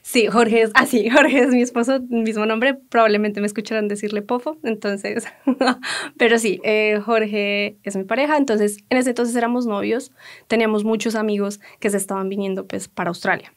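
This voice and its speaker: A Colombian woman in her thirties, a podcast guest telling her story in a lively, laughing way and acting out what people said. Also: on the high side, normal speed. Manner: lively, laughing, acts out quoted dialogue. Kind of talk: casual storytelling interview.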